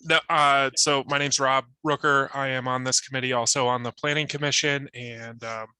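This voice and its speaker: A man's voice: mid-range voice, flat delivery, normal speed, sharp tone, smooth, no echo. A man on a town committee, speaking in a dry, wry way. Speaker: committee member.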